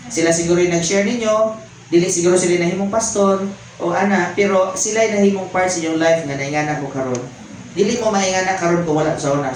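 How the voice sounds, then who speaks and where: A man preaching a conversational sermon, mixing in English and calling out to the congregation. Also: high-pitched. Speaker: pastor. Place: church hall. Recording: very echoey church hall, faint background noise.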